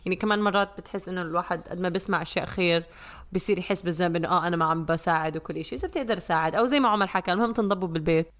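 A woman's voice: lowish voice, racing, a bit bright. A woman with a Levantine Arabic accent, co-hosting a podcast in casual chat. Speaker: podcast co-host.

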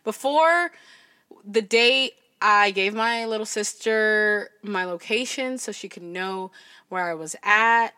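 A woman in her twenties from California, hosting a podcast and telling a story in a loud, chatty voice full of "like". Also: mid-range voice, slow pace, clean tone, no echo, clean studio sound. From California, USA. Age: 20s. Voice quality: loud speaking voice. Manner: chatty, fills speech with "like" and "I'm just like". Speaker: podcast host. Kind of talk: casual storytelling.

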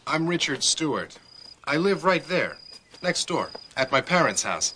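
A man with an American accent playing a friendly young neighbor who offers help, in a clear, scripted lesson dialogue. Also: on the high side, sing-song, unhurried, sharp tone, slight background noise, heavily acted.

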